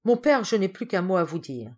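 A woman's voice: lowish voice, very animated, a little fast, a little mellow, voice pushed up. A woman reading the part of an impassioned young man pleading with his father, in a fervent, declamatory way. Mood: indignant.

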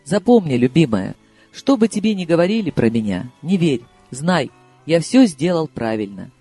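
A sly, tender lover with secrets, read by a male narrator, speaking low and close in an intimate, confiding tone. Soft music hums under the storybook reading. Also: big pitch swings, normal speed, slightly rough, heavily acted.

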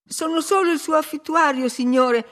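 Flustered gentleman tenant read by a woman, raised and urgent, on the high side. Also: moderate pace, close to an everyday voice. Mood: flustered urgency. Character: frightened, apologetic young gentleman tenant. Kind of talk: audiobook reading.

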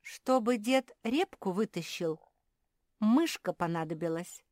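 A woman's voice: medium pitch, expressive, slow pace, a little mellow, dry recording, clean studio sound, pitched above the performer's own voice. A woman voicing a brave, bossy young female pet animal in a storybook, giving orders eagerly. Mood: bold. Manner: commanding, eager.

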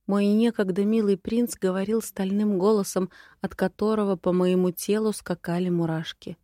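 A young woman reads a fantasy audiobook in the first person, voicing her inner thoughts expressively. Her voice sits at a middle pitch. The recording is dry and close. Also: moderate pace, no echo. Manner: expressive, inner-monologue reading. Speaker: audiobook narrator.

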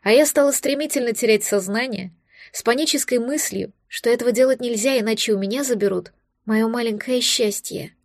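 A woman reads a first-person fantasy romance with steady, expressive storytelling. Her voice sits a little high, and she is recorded close on a studio mic. The sound is dry, with no room around it. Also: a little fast, no echo. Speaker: audiobook narrator.

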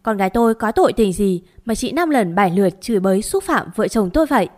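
A woman's voice: mid-range voice, animated, fast talker, a little mellow, natural voice. A woman voicing an angry middle-aged father who sharply rebukes his daughter's in-laws.

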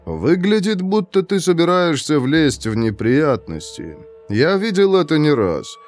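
A man voicing a calm, detached young male prisoner in his twenties who speaks slowly and in a measured, lecturing way. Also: fairly high pitch, soft background music, pitched above the performer's own voice. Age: 20s.

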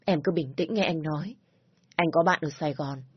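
A woman voicing a calm young man in a spoken story, steady and comforting. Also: deep voice, brisk, husky, no echo, muffled recording. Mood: reassuring. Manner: soothing, steady. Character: calm reassuring young man, narrator's boyfriend.

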